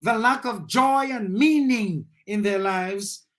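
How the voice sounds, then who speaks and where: A man hosting a live session, giving reflective commentary that turns into motivational preaching in a measured way with emphatic rises. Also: sits high.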